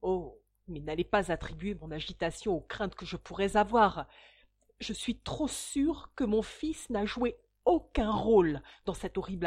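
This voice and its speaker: A woman doing an agitated landlady mother, high and pleading. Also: darkish tone, husky. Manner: pleading, emotional insistence. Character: anxious, agitated middle-aged landlady mother.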